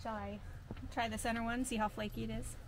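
A woman's voice: a little high, flat delivery, quick pace, heavy background noise. A woman co-hosting a casual farm cooking vlog outdoors, chatty and practical, laughing easily. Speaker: farm vlogger co-host. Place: outdoors by a fire pit on a farm.

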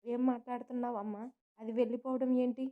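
A woman's voice: a little high, little pitch movement, quick pace, narrow, tinny audio, natural voice. A woman narrator voicing a sleepy, irritable young woman who sounds annoyed. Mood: shocked.

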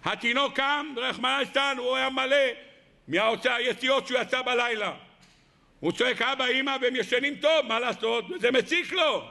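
Male rabbi, sermon style, impassioned storyteller with a very high, bright voice. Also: gravelly. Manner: impassioned, acts out voices and stories.

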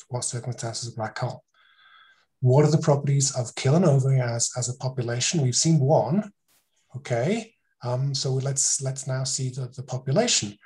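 A man's voice: mid-range voice, darkish tone. Conversational man giving an academic talk. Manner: conversational, self-correcting, asks rhetorical questions. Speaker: conference speaker. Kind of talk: academic talk over a video call. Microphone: video call.

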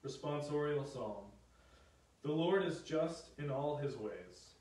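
A man serving as lector, reading scripture and the psalm in a measured, solemn way in a large church with cathedral echo. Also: a little high, expressive, darkish tone. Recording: echoey cathedral from far off.

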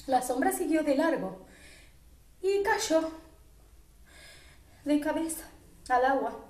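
High-voiced woman telling a children's story. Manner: expressive, unhurried storytelling. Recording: roomy echo.

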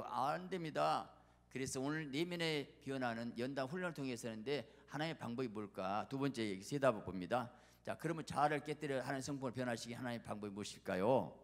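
A male pastor preaches in a church sanctuary, and his voice has a gravelly edge. He lurches from hushed pleading to loud emphasis and keeps asking the congregation rhetorical questions. His words ring out with a long church-hall reverb. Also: mid-range voice. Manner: emphatic, with sudden swings between loud and hushed. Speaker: senior pastor. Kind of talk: sermon.

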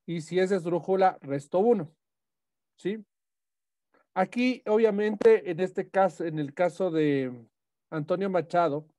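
A man with a fairly high voice teaches a class, laying out rules one step at a time. He keeps checking that students follow with short questions. The sound is dry and close, with little room to it. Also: darkish tone, no echo. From Ecuador. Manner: explanatory, checking in with frequent "¿sí?". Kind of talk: classroom lesson on poetic meter.

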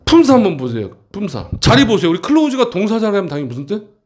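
Reading through an English textbook passage with a middle school class, this man checks in constantly with short questions. His voice sits high and leaps through huge pitch swings.

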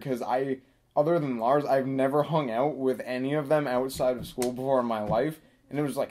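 Guy rambling thru a funny story, keeps cracking up, swears a lot, mid-pitch voice. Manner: animated, giggly, swears freely, vivid impressions of friends. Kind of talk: casual anecdote telling.

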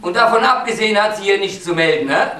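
A man's voice: lively intonation, fast talker, sharp tone, distant mic, slight background noise. A stage actor playing a henpecked husband who whines to his wife and brags on the phone, in a live stage comedy. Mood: boastful. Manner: wheedling to his wife, swaggering on the phone, sudden pitch leaps. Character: blustering henpecked middle-aged husband, boastful behind his wife's back. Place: theater stage. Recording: roomy theater stage miked from afar.

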